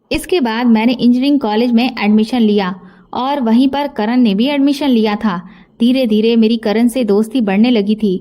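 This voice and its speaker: A woman reading a scripted first-person story aloud as its narrator, with a steady, even storytelling delivery. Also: on the high side.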